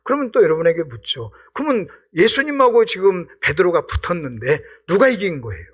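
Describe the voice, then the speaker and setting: A middle-aged man preaching a revival sermon in a church, acting out quoted voices with sudden shouts and drops. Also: high voice, big pitch swings, brisk, slightly rough. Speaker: guest pastor. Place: church sanctuary.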